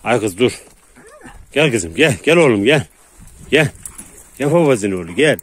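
A man's voice: mid-range voice, animated, measured pace, slight background noise. Chatty man coaxing dogs outdoors. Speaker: dog owner vlogger. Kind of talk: casual vlog narration while handling dogs. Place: outdoors in rural countryside.

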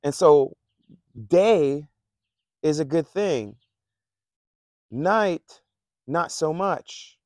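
A man's voice: a little high, extremely slow, long pauses, darkish tone, no echo, studio quality. A man preaching a casual, conversational sermon, often repeating himself and chuckling between points. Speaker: pastor.

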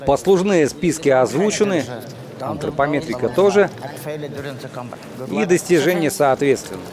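A man giving live boxing commentary in measured, short phrases with pauses. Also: fairly high pitch, expressive, crowd noise.

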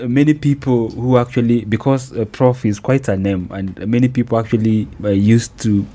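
A man's voice: mid-range voice, fairly even intonation, moderate pace, dark tone. A man hosting a radio book interview, asking hesitant questions and murmuring agreement often. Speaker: radio host.

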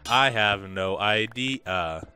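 A young man hosting casual gameplay commentary, joking and laughing often, with excitable bursts. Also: on the low side, slow, background noise. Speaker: gaming channel host.

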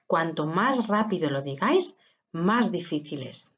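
A woman teacher giving a recorded lesson to young schoolchildren, playful and expressive as she recites riddles and tongue twisters. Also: lowish voice, measured pace, dull audio. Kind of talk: recorded remote lesson for children.

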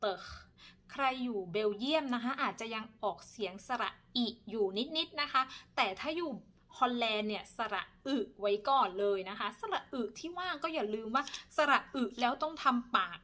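Woman teacher, thirties, patient pronunciation drill with a slightly high voice. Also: lively intonation. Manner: slow, repeats each word several times; polite, ends phrases with soft particles. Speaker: language teacher. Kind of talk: pronunciation lesson.

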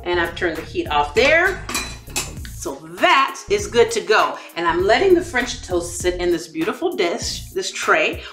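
A woman in her forties hosting a cooking demonstration in a home kitchen, chatty and encouraging, laughing between steps. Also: on the high side. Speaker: cooking show host. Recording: echoey kitchen with soft background music.

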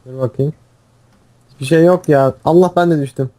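A young man playing a video game with a friend, giving quick commands, humming and swearing in casual chat. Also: on the high side, mellow. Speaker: gamer.

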